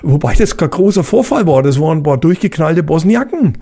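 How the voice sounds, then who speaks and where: Here the retired police officer's voice runs a little high and sing-song, with a dark tone and a slightly quick pace. The middle-aged guest, Franconian German accent intact, spins casual anecdotes colloquially, often restarting and leaning on fillers.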